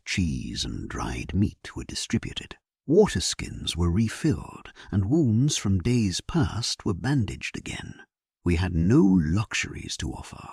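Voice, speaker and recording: A man narrating a first-person historical sleep story in a solemn, measured, hushed, breathy voice, as a grave and resolute medieval king. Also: deep voice, dry recording, studio quality. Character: King Henry V recounting his battle morning, grave and resolute.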